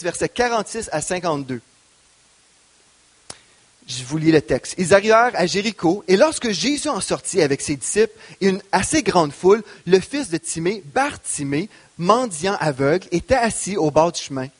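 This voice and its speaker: A man's voice: high voice, big pitch swings, normal speed, slightly rough. A man, preaching a sermon as pastor, asking the congregation questions. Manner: preaching with rising emphasis and rhetorical questions.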